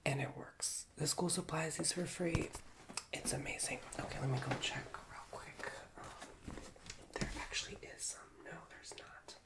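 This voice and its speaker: A man with a nasal, creaky, slightly high voice whispers an ASMR roleplay as a school guidance counselor, chatty, rambling, and self-mocking while recovering from a cold. His intonation is fairly even and his pace measured.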